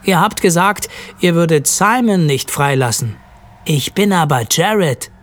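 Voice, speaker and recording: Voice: medium pitch, expressive, a little slow, natural voice. An audiobook narrator voicing an anxious but clever young boy who talks earnestly. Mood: pleading. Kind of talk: audiobook reading.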